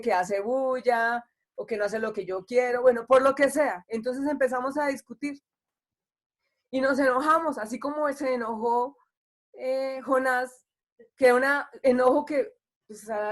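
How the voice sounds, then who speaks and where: A woman pastor preaching an online sermon in a conversational way, acting out the complaints of the people she quotes. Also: fairly high pitch.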